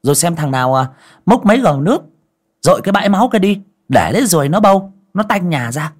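A man's voice: high-pitched, sing-song, quick pace, pitched above the performer's own voice. A man voicing a fat, cruel landlord's wife, who screeches and scolds shrilly. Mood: bossy callous.

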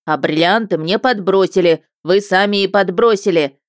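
A woman voicing a whiny male water-spirit prisoner who shrieks his complaints in a shrill, tearful voice. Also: moderate pace, no echo, clean studio sound, lightly acted. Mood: indignant shrieking. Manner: shrill, whining, indignant.

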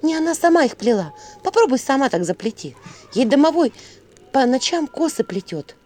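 Woman doing a calm, earnest young wise woman. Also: high voice, moderate pace, voice pushed up. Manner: quiet, earnest.

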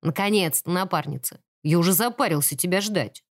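A woman's voice: fairly low pitch, a little fast, no echo, studio quality, natural voice. A woman doing a cocky swaggering guy. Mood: smug. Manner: smug, lazy drawl turning aggressive. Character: cocky swaggering young man, pushy crewmate.

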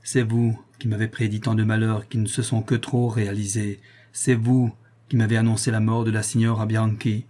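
Brief: a man playing a passionate young noble, angry and pleading, dark husky tone, audiobook. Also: lowish voice, level tone, moderate pace, lightly acted. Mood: indignant. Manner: indignant, pleading, raised voice.

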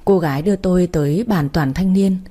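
A woman reading a first-person story aloud in a plain, steady way. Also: lowish voice, fairly quick.

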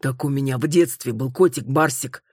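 A woman voicing a husband who makes soft, pleading excuses to calm his angry wife. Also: extremely low pitch, moderate pace, slightly rough, dry recording, clean studio sound. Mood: placating. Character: evasive husband, man, placating.

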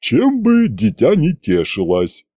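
A sardonic middle-aged woman chief accountant makes dry remarks in a slow, mellow voice, as a male narrator puts her on. The sound is close and dry. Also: medium pitch, wildly swooping pitch, dry recording, heavily acted.

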